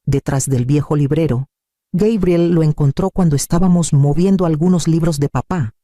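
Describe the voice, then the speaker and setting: An anxious grown daughter speaks softly and hesitantly, as a man reads her lines. The tone is deeply mellow and a little high, recorded dry and close. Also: normal speed, no room sound, natural voice. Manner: soft, hesitant.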